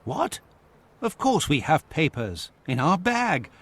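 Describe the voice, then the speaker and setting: An actor playing a proper, flustered gentleman doctor in a video game, kindly and easily indignant. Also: on the high side, sing-song, slow, creaky, full character voice. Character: indignant, kindly English gentleman doctor, adult male sidekick. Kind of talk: video game cutscene acting.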